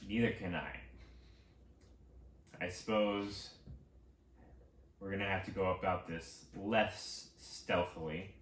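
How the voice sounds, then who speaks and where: A man's voice: deep voice, fairly even intonation, takes it slowly, long pauses, fairly bright tone. A man doing a terse wizard guide. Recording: roomy, distant mic with faint hiss.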